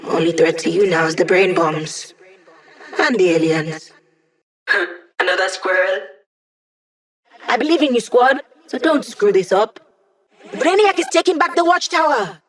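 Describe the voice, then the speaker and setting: A woman's voice: medium pitch, measured pace, long pauses, natural voice. A woman playing a young tech hacker in a video game, talking in a playful, sardonic, casual and slangy way. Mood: dry, warning, then encouraging. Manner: sassy, casual, teasing, slangy.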